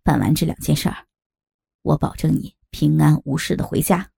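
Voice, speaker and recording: Calm, menacing male gang boss voiced by a woman for an audiobook: low, gravelly, dry. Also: no room sound, full character voice. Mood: coolly menacing. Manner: calm, measured threats. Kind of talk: audiobook character voice.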